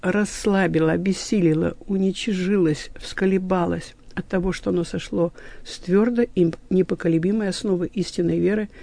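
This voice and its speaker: High, gravelly man reading aloud. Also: steady tone, moderate pace, hardly any pauses, dark tone. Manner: reads passages aloud, affirms with short murmurs. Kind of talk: religious discussion.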